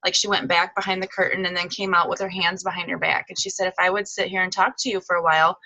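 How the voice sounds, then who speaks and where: A woman's voice: on the low side, flat delivery, fast, bright, forceful tone, no room sound, dull audio. A woman giving a chatty, casual recap on a video call, with plenty of "um" and "like" fillers. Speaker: guest speaker. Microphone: video call microphone.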